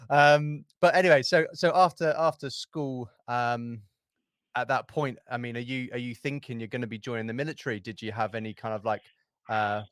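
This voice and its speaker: A man's voice: medium pitch, steady tone, moderate pace, fairly bright tone, clean tone, dry recording, clean studio sound. Easygoing man hosting. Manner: friendly, easygoing questions with fillers. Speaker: podcast host. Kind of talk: interviewing.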